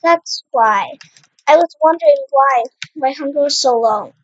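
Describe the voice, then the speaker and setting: A young woman hosts a casual Minecraft let's play, speaking unhurriedly in a voice that sits high. Chatty and quick to exclaim at the screen, she has a slight cough and clears her throat. The recording sounds muffled.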